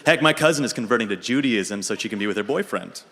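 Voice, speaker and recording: A young American man telling a dry, deadpan comic story about himself on a radio show. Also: fairly low pitch, quick pace, crowd noise, noisy background. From United States. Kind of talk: humorous personal monologue. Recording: reverberant hall.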